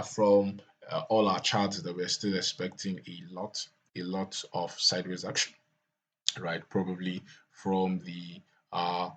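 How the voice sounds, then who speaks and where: A man with a low, husky voice talks through trading charts in a loose, unscripted way. He repeats phrases and restarts sentences, with frequent filler sounds between points. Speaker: crypto market analyst. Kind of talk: chart analysis talk.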